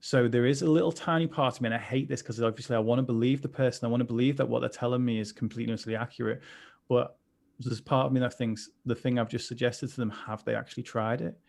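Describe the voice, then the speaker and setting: A man's voice: medium pitch, fairly even intonation, quick pace, creaky, a little mellow. A man, a mental health coach, chatting earnestly on a livestream, rambling with many restarts. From United Kingdom. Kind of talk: casual conversation on a livestream.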